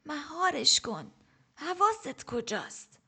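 A woman reading an audiobook, voicing a stern old woman teacher who scolds slowly and shouts. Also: a little high, lively intonation, breathy edge. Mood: scolding. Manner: slow, scolding, raises her voice to shouts. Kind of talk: audiobook character voice.

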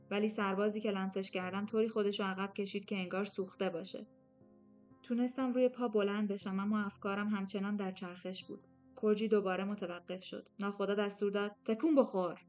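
Female audiobook narrator, steady mid-pitched storytelling, faint music bed. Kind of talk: scripted first-person novel narration.

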